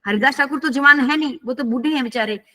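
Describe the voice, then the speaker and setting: A woman's voice: high-pitched, fast talker, sharp tone. A woman teaching a scripture class, telling a story conversationally and asking her listeners questions.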